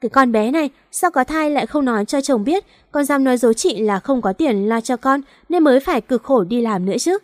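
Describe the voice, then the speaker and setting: A woman's voice: sits high, normal speed, hardly any pauses, no echo, clean studio sound, lightly acted. A woman voicing a blunt but caring female office manager who scolds sternly, in a storybook reading. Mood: scolding.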